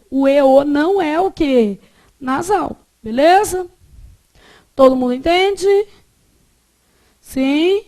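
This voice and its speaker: A woman's voice: high voice, darkish tone. A woman teaching a grammar lesson, asking the class questions and answering them herself.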